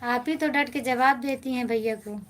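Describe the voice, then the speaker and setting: A woman hosting a casual live stream from a phone, reading viewers' comments and gently soothing them, calling them brother and sister. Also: sits high, normal speed. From India.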